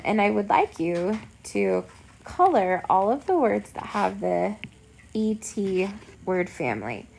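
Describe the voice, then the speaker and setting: A woman's voice: medium pitch, darkish tone, poor audio. A woman teacher guiding young children step by step through a lesson in simple, encouraging words, like a kids' show host. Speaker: elementary school teacher. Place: at home. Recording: clear background noise with clicks.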